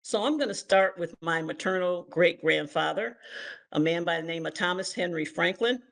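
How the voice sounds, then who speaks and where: An older woman from Ohio giving an online history lecture as guest author, measured and filled with ums and uhs. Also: low voice, vocal fry. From Toledo, Ohio, US. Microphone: video call.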